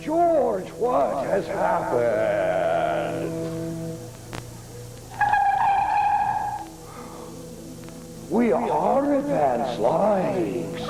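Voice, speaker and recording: A man's voice: sits high, creaky, exaggerated voice. A man playing a macabre ghoul who hosts a TV horror show, speaking in a melodramatic way with sinister relish. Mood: theatrical glee. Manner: slow, drawn-out, melodramatic delivery with sinister relish. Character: gleefully macabre male ghoul horror host. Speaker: horror host. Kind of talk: theatrical TV horror-host monologue. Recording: echoey vintage TV sound with music.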